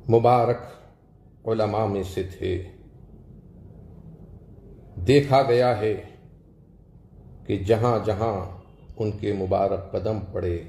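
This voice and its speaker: A man preaching a devotional sermon in a measured, emphatic way, lifting his voice on key words. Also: fairly low pitch, creaky, warm tone, roomy sound. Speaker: Islamic preacher.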